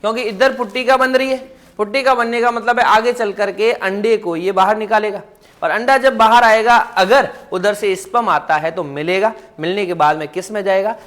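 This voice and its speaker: High-voiced man teaching biology. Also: fairly bright tone. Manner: keeps quizzing students and answering his own questions; calls students "child" affectionately. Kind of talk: classroom lecture.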